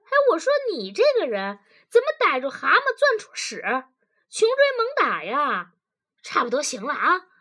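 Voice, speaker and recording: A woman's voice: high-pitched, big pitch swings, measured pace, voice pushed up, full character voice. A woman doing a blustering stubborn husband. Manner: loud, blustering, folksy. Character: stubborn blunt working-class husband, defensive.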